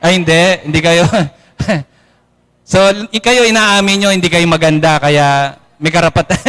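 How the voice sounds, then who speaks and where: A man with a Filipino accent, a priest giving a sermon to an audience, animated and acting out quoted complaints in a higher voice. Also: a little slow, smooth. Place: church or hall, in front of an audience. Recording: long reverb of a hall.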